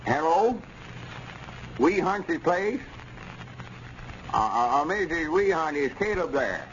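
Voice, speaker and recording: This is an actor doing a self-important old storekeeper in a vintage radio comedy. He is a man with a rural Southern drawl and a lively, swinging delivery. The sound is muffled, with a faint noisy bed. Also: mid-range voice, fairly quick, lightly acted. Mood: polite, flustered. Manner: folksy, drawling, rustic grammar. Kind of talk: 1930s-40s radio comedy serial acting.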